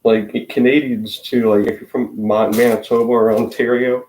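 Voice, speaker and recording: A man's voice: medium pitch, level tone, normal speed, a little mellow. Rambling teenage boy, Upper Midwest accent. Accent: Upper Midwest American. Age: teens. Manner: rambling, loose, many filler words, self-interrupting. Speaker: racing channel host. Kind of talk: casual rambling vlog talk.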